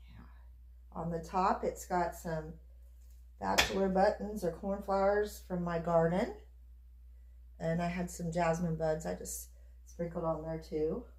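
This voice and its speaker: Lower-pitched woman chatting in an echoey room. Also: level tone, a little slow, pauses often, darkish tone, a little hiss or hum. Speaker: soap maker demonstrating her craft. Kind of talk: casual chatty craft demonstration.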